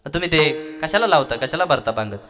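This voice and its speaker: A man's voice: a little high, expressive, fast, pushed and bright, in a large hall, pitched above the performer's own voice. A man voicing a patient goddess mother. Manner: patient, explaining.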